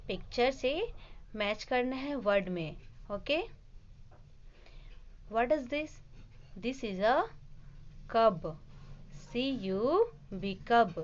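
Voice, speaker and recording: A woman's voice: fairly high pitch, muffled recording. A woman teaching a kindergarten English phonics lesson, spelling short words letter by letter and explaining them in Hindi.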